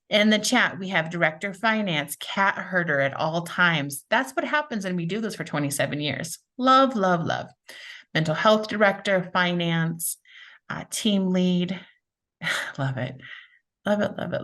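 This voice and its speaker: A woman's voice: on the low side, a bit bright. A woman hosting a live webinar, enthusiastically reading out chat responses. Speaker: webinar facilitator.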